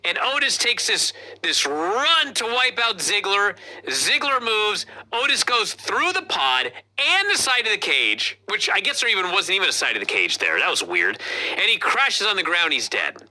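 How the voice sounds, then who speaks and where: Animated, bright-voiced wrestling podcast host. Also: mid-range voice, moderate pace. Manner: profane, animated play-by-play retelling. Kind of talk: casual wrestling review chat.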